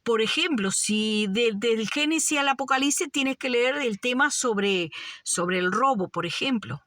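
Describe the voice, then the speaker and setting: A woman's voice: fairly high pitch, unhurried, fairly bright tone, dry recording, clean studio sound. A woman preaching a fervent sermon, often calling her listeners beloved brothers. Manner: fervent, addresses "amados hermanos" often.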